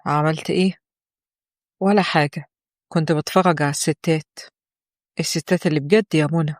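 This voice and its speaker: A woman voicing a cold, scornful husband, speaking in a flat, lowered voice with an Egyptian accent. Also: fairly quick, no echo, studio quality, close to an everyday voice. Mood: contemptuous. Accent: Egyptian Arabic.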